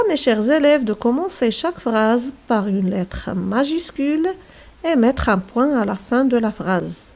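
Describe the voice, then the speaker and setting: A woman with a Moroccan accent teaching a French grammar lesson to young pupils, spelling words out slowly and carefully, letter by letter. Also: high voice, darkish tone. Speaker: primary school French teacher. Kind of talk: recorded remote French lesson.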